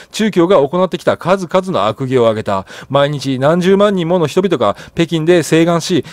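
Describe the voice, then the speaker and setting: A man's voice: high voice, a little mellow, no echo. A man hosting a solo news commentary channel, reading articles aloud and chatting about them with frequent fillers and tag questions.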